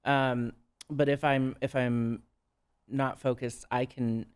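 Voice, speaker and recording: Male podcast guest, smooth resonant voice, thoughtful and unhurried. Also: mid-range voice, level tone. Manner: reflective, measured, with pauses and restarts. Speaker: guest, drag performer and counselor. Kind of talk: casual podcast chat.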